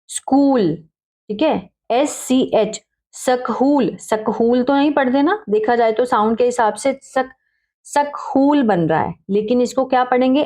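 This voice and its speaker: A woman teacher with a fairly high voice, working through a spelling lesson at a slow, deliberate pace. She spells out each letter, repeats every word, and keeps checking in with her students. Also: darkish tone. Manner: spells out letters one by one and repeats words with frequent check-ins. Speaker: English teacher.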